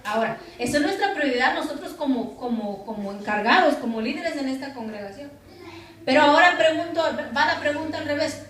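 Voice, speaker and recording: A woman's voice: high voice, animated, a little fast, a bit bright. A woman pastor, preaching a sermon and putting rhetorical questions to her congregation. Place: church hall. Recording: echoey church from far off.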